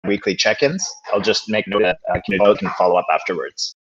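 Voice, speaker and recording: A man with a somewhat low voice hosts an online meeting, speaking casually with many hesitations and ums. His audio is glitchy and keeps cutting out. The call sound is dull and lo-fi. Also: fairly even intonation, moderate pace, fairly bright tone, slightly rough. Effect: audio cutting out, glitchy connection. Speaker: community call host. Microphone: video call.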